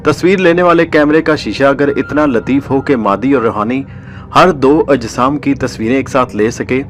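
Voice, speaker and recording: A man narrating a story in the first person, measured and formal, with literary diction. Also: mid-range voice.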